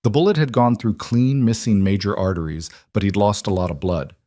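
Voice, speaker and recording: A man giving scripted, measured narration of a dramatic story. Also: lowish voice, warm tone, no echo, clean studio sound.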